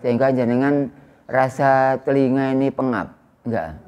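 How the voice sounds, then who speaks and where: A man in his sixties with an East Javanese accent, giving an Islamic study lecture to a small indoor congregation in a loud, projecting voice without a microphone, chatting with his listeners. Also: medium pitch, normal speed, smooth, highs cut off. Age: 60s. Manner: conversational, teasing the audience. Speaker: religious teacher. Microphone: no loudspeaker or microphone used.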